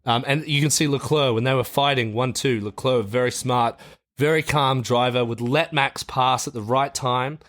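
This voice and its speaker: A man with a mid-pitched, everyday voice trades opinions in a relaxed podcast chat. He is blunt and opinionated, swears freely, and keeps a plain, conversational delivery. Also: normal speed. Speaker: podcast co-host. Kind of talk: casual podcast discussion.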